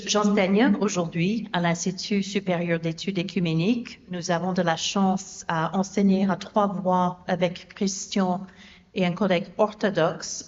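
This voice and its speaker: A woman's voice: mid-range voice, darkish tone, big-room sound, dull audio. A woman with an American accent giving a conference talk in a church, speaking hesitantly with many fillers and restarts. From United States (Oklahoma). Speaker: theology lecturer, conference speaker. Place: Protestant church.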